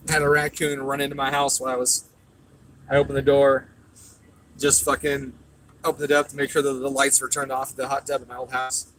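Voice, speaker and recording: Laid-back guy talking tuning, bright voice, cusses a lot, little room noise. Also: medium pitch, completely flat delivery, fairly quick. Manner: laid-back, swears freely, answers viewer questions. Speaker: tuning shop host. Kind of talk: casual livestream chat.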